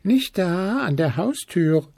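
A bright, high little elf girl who laughs between her words, as a man puts her on. She sounds cheerful and lively in a children's storybook. The recording is dry and close. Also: slow pace, vocal fry, dry recording, heavily acted.

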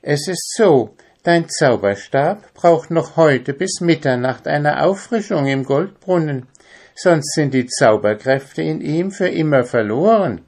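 A man's voice: a little high, lively intonation, slow pace, a little mellow, voice pushed up, full character voice. A man voicing two cheerful ducklings who speak in sing-song rhymes in a storybook reading.

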